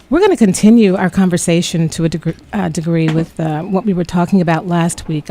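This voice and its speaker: A woman's voice: lowish voice, dark tone. A woman hosting a radio talk show, chatty and enthusiastic, with fillers and restarts.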